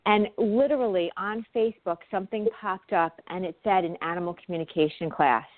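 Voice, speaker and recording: A New York woman talks quickly and sincerely as an interview guest, dropping in the occasional um. Her voice is close and dry with no room sound. It comes through a narrow, phone-like line. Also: on the low side, dry recording. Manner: quick, heartfelt talk with ums. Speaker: guest, animal communicator. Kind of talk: casual interview chat.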